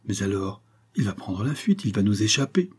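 A man reading the lines of a proud, imperious countess in an audiobook, with sharp, commanding questions. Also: on the low side, very animated, moderate pace, breathy edge, heavily acted.

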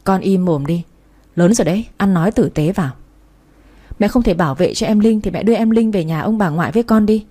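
A woman's voice: medium pitch, fairly quick, warm tone, natural voice. A woman voicing a defiant teenage girl. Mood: earnest, pleading.

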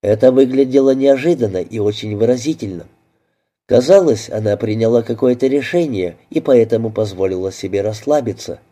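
Man narrating with a very dark voice. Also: medium pitch, a little fast. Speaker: audiobook narrator. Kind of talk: audiobook narration.

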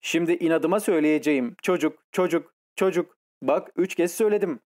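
A woman's voice: low voice, a little fast, a little mellow, close to an everyday voice. A man reading an audiobook and voicing a playful young woman who coaxes and mocks. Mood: teasing. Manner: coaxing, mocking.

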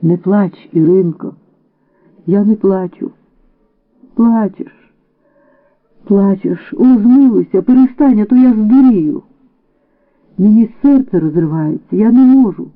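A man reading aloud voices a desperate, torn young woman in a story, in a high, strained, pleading voice. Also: fairly even intonation, extremely slow, pauses often. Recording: tinny narrow-band radio broadcast.

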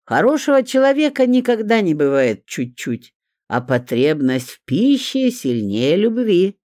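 A reader voicing a smug man who slowly pronounces folk sayings. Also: mid-range voice, sing-song, a little mellow, dry recording, studio quality, voice pushed up. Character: smug proverb-quoting man who laughs at himself.

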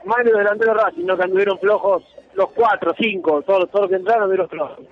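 A man's voice: high voice, steady tone, quick pace. A man chatting casually about a live football match as a radio commentator. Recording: dull radio sound.

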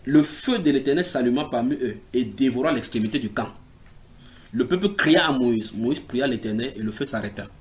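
A little hiss or hum accompanies this man of medium pitch, who talks fairly quickly while preaching in a house church. Teaching from the Bible, he animatedly reads scripture aloud and poses questions to those listening.

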